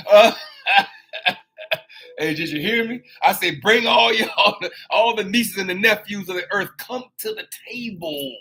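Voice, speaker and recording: A man in his fifties with a somewhat high voice delivers a motivational talk like a sermon. He calls out to his listeners, repeats lines for emphasis, and laughs often. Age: 50s. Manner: animated and preachy, addressing listeners directly. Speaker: host.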